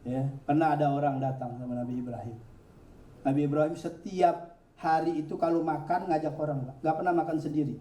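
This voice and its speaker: A man's voice: fairly high pitch, brisk. A man preaching to an audience, telling stories and acting out the voices of the people in them. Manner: animated, acts out voices in his stories. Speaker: preacher teaching pilgrimage rites. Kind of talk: sermon with storytelling. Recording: echoey hall, speaker far from mic.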